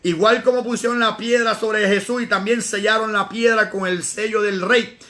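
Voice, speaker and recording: An evangelist with a very high voice leads a Bible study. He reads scripture with dramatic flair and breaks in with animated, slangy asides that keep the teaching lively. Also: normal speed.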